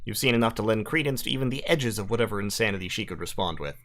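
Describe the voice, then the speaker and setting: A man's voice: lowish voice, expressive, quick pace, fairly bright tone. A man playing a game, commenting casually, reacting with swearing and disbelief, and reading event text aloud. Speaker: let's play gamer. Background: game music.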